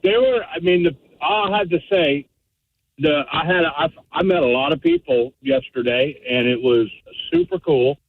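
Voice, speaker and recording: A man calling in to a talk show from his car on speakerphone, talking casually with halting starts. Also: fairly high pitch, sing-song. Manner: halting, restarts often. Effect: phone on speaker in a car. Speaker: caller. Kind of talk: casual call-in chat. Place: driving in a car. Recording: tinny speakerphone line.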